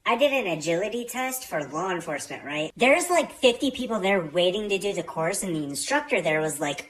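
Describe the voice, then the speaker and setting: A woman's voice: mid-range voice, a bit bright, slight background noise, rough recording. A woman telling a story in a casual, blunt way, swearing freely and sounding exasperated.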